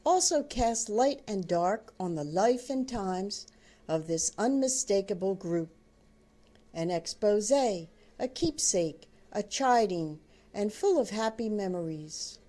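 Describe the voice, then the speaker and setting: An older woman narrates her own book aloud like a storybook, in deliberate, halting phrases. Her voice is medium-pitched and warm.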